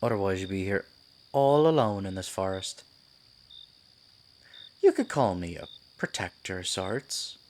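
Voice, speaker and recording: A low-voiced, sinister piper acted out by a man in an ASMR fantasy roleplay. He is silky and condescending, coaxing his prey like a theatrical storyteller with lively swings of pitch. Night insects chirp faintly behind him. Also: a little slow, long pauses, a little hiss or hum. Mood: feigned concern, probing. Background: crickets, night forest ambience.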